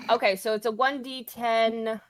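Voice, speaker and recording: Flustered woman playing a tabletop game. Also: on the low side. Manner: flustered, searching her character sheet aloud. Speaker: player. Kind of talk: casual tabletop game play.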